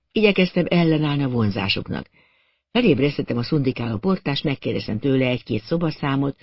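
Male narrator, dry wit, slightly high pitch, dead studio sound. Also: no room sound. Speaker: audiobook narrator. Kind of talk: scripted narration.

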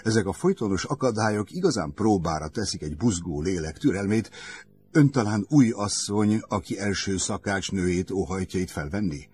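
A man voicing a suave young gentleman with a monocle, courtly, mock-formal and unflappable. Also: deep voice, animated, a little hiss or hum.

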